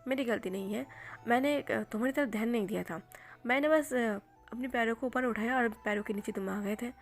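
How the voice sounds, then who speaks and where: A woman voicing a calm young man who teases and scolds his crying best friend in an offhand way. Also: a little high, brisk, faint music behind. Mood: dry, teasing. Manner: dry, offhand, teasing.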